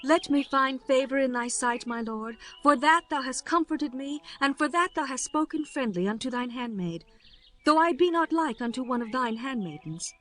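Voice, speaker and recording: A woman's voice: high voice, moderate pace, a bit bright, voice pushed up. A woman voicing a humble, grateful young foreign widow who speaks meekly and formally in a dramatized scripture audiobook. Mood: humble wonder.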